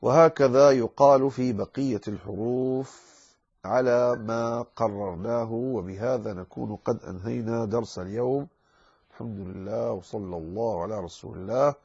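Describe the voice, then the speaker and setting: A man teaching a lesson on Quran recitation rules. He explains calmly, then stretches out words slowly to demonstrate. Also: medium pitch, vocal fry, husky, muffled recording. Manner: calm explanation, then slow drawn-out demonstrations. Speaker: tajweed teacher.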